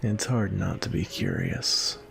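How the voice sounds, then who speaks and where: Sebastian, a deep, gravelly vampire acted by a man. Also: wildly swooping pitch, full character voice. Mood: calm, reassuring. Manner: polite, unhurried, flirtatious. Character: suave, courteous, centuries-old male vampire on a date. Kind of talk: ASMR roleplay, intimate and softly spoken.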